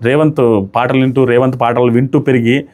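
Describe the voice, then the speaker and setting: A man's voice: medium pitch, fairly even intonation, fairly quick, a little mellow. A man giving an opinionated review of a reality show episode, arguing his points with pointed rhetorical questions.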